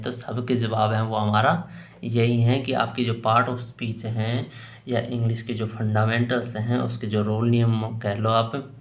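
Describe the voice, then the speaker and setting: A man with a Hindi accent, an English teacher answering student questions in a casual spoken lesson, rambling and often restarting his sentences. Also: medium pitch. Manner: rambling, repeats and restarts phrases. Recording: echoey room.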